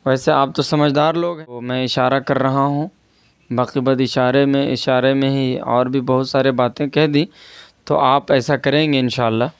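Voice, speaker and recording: A man's voice: medium pitch, smooth, no echo. A man teaching an online Quran reading lesson, patiently repeating and stretching out syllables and asking his students rhetorical questions.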